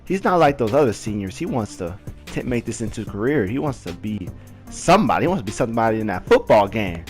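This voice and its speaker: Speaking fast over soft background music, a young vlogger from Southern California relays a story to camera in a casual, lively way. His speech is littered with "like," and his pitch leaps up as he acts out key moments.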